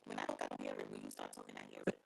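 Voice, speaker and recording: A woman's voice: extremely low pitch, monotone, very fast, vocal fry, slightly rough. Woman with a robotic, glitching mic. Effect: robotic, glitchy distorted mic sound. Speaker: participant in a live audio chat room. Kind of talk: casual chat.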